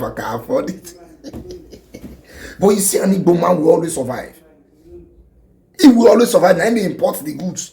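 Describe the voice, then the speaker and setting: A man's voice: a little high, warm tone, roomy sound. A Nigerian man giving casual, opinionated reaction commentary in colloquial, Pidgin-flavoured speech. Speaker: video commentator.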